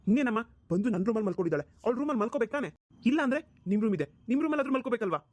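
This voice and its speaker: A woman's voice: a little high, lively intonation, racing, darkish tone, no echo. A woman voicing a flustered young husband in a cartoon, pleading and exasperated. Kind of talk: cartoon voice acting.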